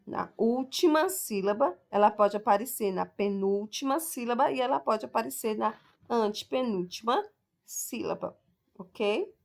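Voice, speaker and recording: A woman teacher with a slightly high voice explains her lesson patiently, one step at a time. She slows right down on each example word and keeps checking that her class follows along. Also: animated, creaky, darkish tone. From Brazil. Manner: explains step by step, stresses example words slowly. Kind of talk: recorded school lesson.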